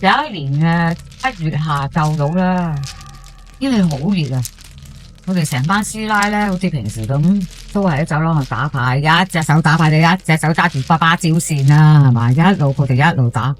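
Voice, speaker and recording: A woman's slightly low, lively voice brings to life a superstitious, chatty Hong Kong housewife in her sixties from an old housing estate. She narrates a first-person audio-drama ghost story like neighborhood gossip, stretching particles and exclaiming often, with slight background noise.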